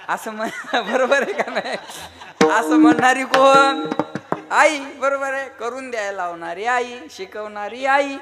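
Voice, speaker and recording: A man's voice: extremely high pitch, a little slow, over music. A man with a Marathwada Marathi accent preaching a devotional kirtan sermon, firing rhetorical questions and prodding the crowd to answer.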